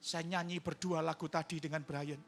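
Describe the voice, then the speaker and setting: A man's voice: fairly high pitch, flat delivery, moderate pace. A man in his forties from East Java, a pastor preaching a sermon with emphasis and often turning to the congregation. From East Java, Indonesia. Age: 40s.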